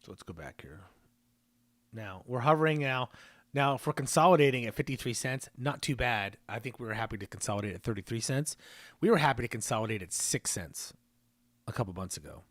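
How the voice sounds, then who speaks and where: A man's voice: medium pitch, expressive, fairly quick, fairly bright tone, dry recording. A man hosting a live stream, chatting casually, joking and reading viewer comments aloud. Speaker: livestream host.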